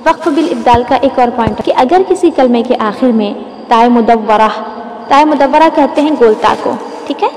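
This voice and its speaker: A woman's voice: fairly high pitch, a little mellow. A woman teaching the rules of Quran recitation, explaining patiently and drawing out each example word. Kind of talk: tajweed lesson with demonstrations. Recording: echoey room with long reverb.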